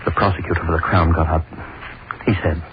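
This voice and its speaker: In a 1930s radio horror performance, a narrator voices a brooding male hangman obsessed with his noose. His deep voice holds a level tone as he delivers a slow, broken, obsessive inner monologue. The broadcast sound is tinny and hissy.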